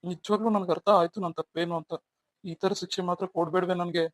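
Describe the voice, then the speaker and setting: A woman's voice: lowish voice, fairly even intonation, fast talker, dry recording, natural voice. A woman voicing a young man in a cartoon, a devoted husband who talks in a tender, apologetic, coaxing way. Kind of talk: cartoon voice acting.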